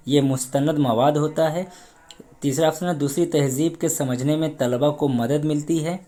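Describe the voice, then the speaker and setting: Guy going through exam questions one by one, mellow warm voice, keeps repeating and explaining terms. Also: mid-range voice. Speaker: exam prep teacher. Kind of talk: exam question walkthrough lesson.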